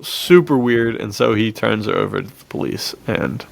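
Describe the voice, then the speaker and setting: An American podcast host chats casually about films and tells anecdotes, slangy and informal, chuckling often and saying "dude" a lot. His voice is fairly low and creaky at normal speed, with a little hiss or hum.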